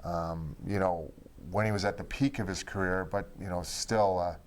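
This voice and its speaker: A former hockey player reminiscing with old teammates in a relaxed way, filling his talk with "you know". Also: deep voice, moderate pace, clean tone. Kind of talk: reminiscing conversation.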